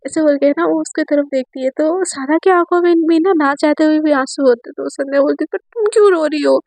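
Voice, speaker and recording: A woman's voice: sits high, fairly even intonation, brisk, darkish tone, no room sound. A woman narrating a romance story in a casual, chatty way, speaking directly to the listener.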